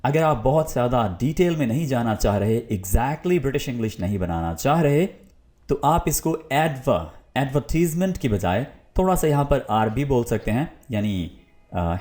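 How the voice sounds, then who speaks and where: A man, teaching English pronunciation in a video lesson and explaining patiently, repeating each word slowly. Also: medium pitch, big pitch swings, mellow. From Pakistan.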